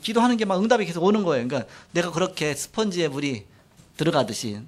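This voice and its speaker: A middle-aged man preaching a sermon, telling a personal testimony in an animated storytelling way. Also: on the high side, quick pace. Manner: animated storytelling, acts out quotes, frequent trailing "like this". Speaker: pastor.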